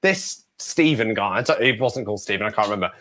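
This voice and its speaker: A man from the UK, a guest ventriloquist, telling stories in a casual interview, animated and often laughing as he talks. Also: fairly low pitch, fast talker. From United Kingdom. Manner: animated, acts out the people in his stories.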